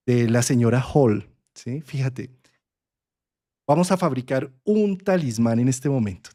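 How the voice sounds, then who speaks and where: A middle-aged man teaching a master class, telling a fairy tale in an animated way and checking in with listeners. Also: medium pitch. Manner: animated storyteller with tag questions. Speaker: astrology and psychology teacher. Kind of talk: master class storytelling lecture.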